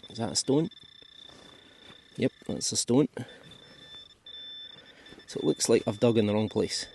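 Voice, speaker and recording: A man's voice: medium pitch, measured pace, gravelly, darkish tone, slight background noise. A Scottish man giving chatty, thinking-aloud commentary as he digs finds in a field for his metal detecting vlog. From Scotland. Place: outdoors in a field.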